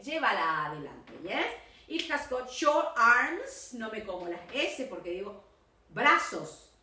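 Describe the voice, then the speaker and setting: A woman teacher in a recorded video lesson, correcting homework. She stretches out English words slowly, then switches to quick explanations. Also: high-pitched, bright, forceful tone. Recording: roomy sound from a distance.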